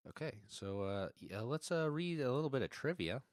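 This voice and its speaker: A man with a medium-pitched, sing-song voice co-hosts a podcast at a moderate pace, the sound clean and studio-grade without echo. He chats informally about an episode, often laughing and fumbling restarts while reading trivia.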